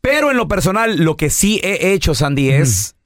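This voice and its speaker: Radio host guy, high and bouncy, cracking jokes, light music under. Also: normal speed, dry recording, studio quality. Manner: animated and joking. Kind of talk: casual comedy radio chat.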